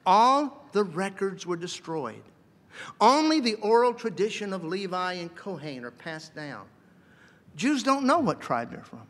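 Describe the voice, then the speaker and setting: High-voiced guy giving a lively jokey lecture, big echoey hall sound. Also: measured pace. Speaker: seminary lecturer.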